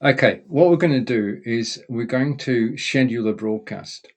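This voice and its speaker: A man presenting a live-streamed software walkthrough, reading viewer chat aloud on air, heard through live-streamed broadcast audio. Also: medium pitch, moderate pace. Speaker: livestream presenter and tech support.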